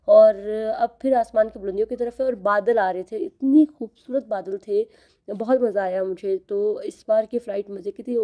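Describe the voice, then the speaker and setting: Female travel vlogger, Pakistani accent, dark relaxed tone, chatty casual delivery with code-switching into English. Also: mid-range voice. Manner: chatty, mixes English phrases into speech. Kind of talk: casual travel vlog narration.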